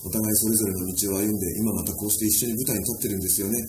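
A man's voice: lowish voice, steady tone, rapid-fire, warm tone, echoey room, a little hiss or hum, poor audio. A male radio host reading listener mail on air and adding playful asides between the lines. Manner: reads letters aloud with playful asides.

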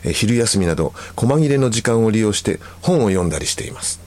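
Male radio host with a lowish voice, easygoing, chuckling through listener mail. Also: fast talker. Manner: relaxed, chuckles often, comments between letters. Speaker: musician. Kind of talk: casual radio talk with letter reading.

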